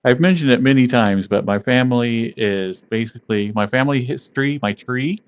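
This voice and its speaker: A man streaming live and chatting casually with viewers, laughing often and greeting them by name in a relaxed, meandering way. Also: medium pitch, clear, resonant tone. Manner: relaxed, meandering, with fillers and pauses. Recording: dull lo-fi stream audio.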